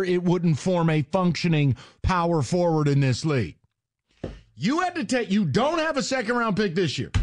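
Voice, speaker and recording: A male sports talk host ranting sarcastically with mocking jabs and heated emphasis. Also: sits high.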